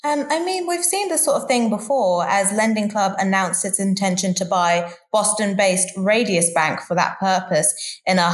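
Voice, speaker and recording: Female podcast co-host, mid-pitched, brisk news rundown with light asides. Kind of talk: casual podcast discussion.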